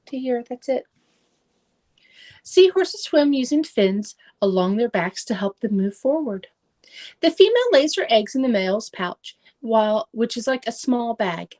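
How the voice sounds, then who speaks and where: A middle-aged woman carefully reads a children's nonfiction book aloud, adding simple explanatory asides for young listeners. Her voice is a little high with a darkish tone.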